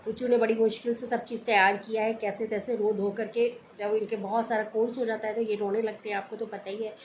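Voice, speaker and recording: A middle-aged family vlogger chats casually from home, homely and talkative, occasionally slipping into lecturing. Her high-leaning voice is level and fairly quick, with slight background noise.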